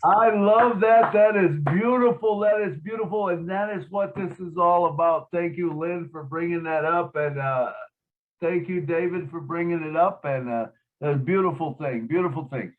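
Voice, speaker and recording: A man's voice: on the high side, moderate pace, slight background noise. A man hosting a webinar, enthusiastic and affirming toward his guests. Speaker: webinar host. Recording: tinny phone-like call audio.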